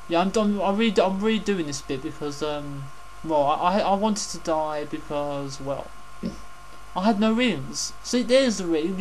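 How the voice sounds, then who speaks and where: A man's voice: a little high, slight background noise, poor audio. A man hosting casual game commentary, rambling and repeating his phrases, with some swearing. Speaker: gaming host.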